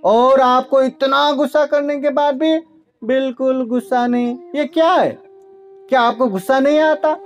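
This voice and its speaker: A man's voice: very high-pitched, steady tone, a little slow, lo-fi sound, faint music behind, voice pushed up. A man voicing an indignant male brahmin who complains and demands answers in a raised voice. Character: angry indignant male brahmin, middle-aged.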